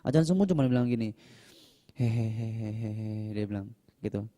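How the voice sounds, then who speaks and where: A young man, speaking as a monk who answers questions in a relaxed, chatty way. His voice is very dark and mellow, at a middle pitch. He speaks without a microphone, so he sometimes comes through quieter. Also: very fast. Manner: chatty, acts out quoted people with raised pitch. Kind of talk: casual storytelling in a Q&A talk.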